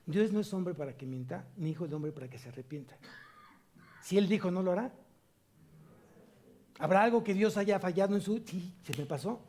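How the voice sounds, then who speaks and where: A man preaching a sermon at a church service, reading scripture slowly and putting questions to the congregation. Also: high voice, a little mellow. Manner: slow emphatic reading of scripture. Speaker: pastor.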